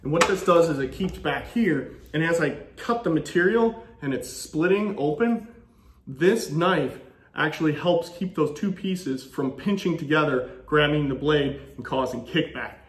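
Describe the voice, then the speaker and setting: A man's voice: on the high side, lively intonation, a little slow. A man in his thirties giving practical shop tips in a casual how-to style, with joking asides. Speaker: woodworking channel host. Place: home woodworking shop, indoors. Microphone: camera-mounted, filmed at arm's length and from a tripod. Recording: echoey shop room.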